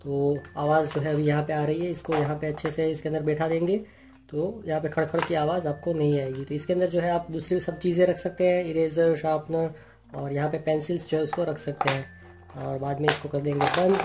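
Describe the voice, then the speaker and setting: A man hosts an unboxing and review at a table indoors, explaining each item in plain Hindi peppered with repeated "jo hai." His voice is a little high and flat, his pace brisk, and the background is noisy, with clear music playing underneath.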